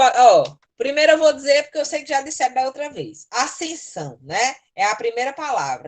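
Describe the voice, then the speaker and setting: Patient Brazilian woman teaching an online class. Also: on the high side. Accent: Brazilian Portuguese. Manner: patient, explaining step by step. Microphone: computer mic in a virtual class.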